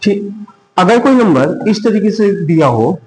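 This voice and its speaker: Man, math tutor, slow deliberate delivery, roomy echo. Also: high-pitched, big pitch swings, a little mellow. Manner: slow, step-by-step explaining with rhetorical questions. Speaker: math teacher. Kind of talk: blackboard math lesson.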